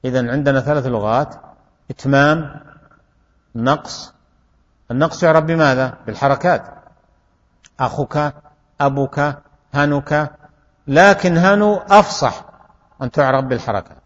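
A man teaching grammar in a classroom lecture, explaining slowly and deliberately and often putting questions to his students. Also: mid-range voice. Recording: muffled recording in a reverberant hall.

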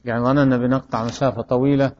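Male grammar teacher lecturing a class; measured pace, keeps asking the room questions; dull recording with long hall reverb. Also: mid-range voice, flat delivery, slight background noise. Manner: slow, deliberate explanation with frequent questions to students.

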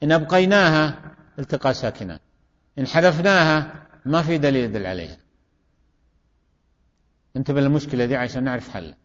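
Male teacher, drills students with questions, slightly high voice, dull recording from a classroom. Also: expressive, brisk, long pauses. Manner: questioning, repeats student answers. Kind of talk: classroom grammar lesson. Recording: dull recording in a reverberant hall.

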